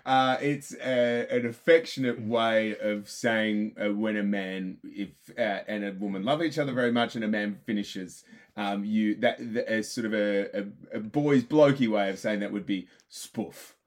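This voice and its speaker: A man, co-hosting a podcast in casual chat, jokey and halting, often restarting his sentences. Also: fairly low pitch, steady tone. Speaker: podcast co-host.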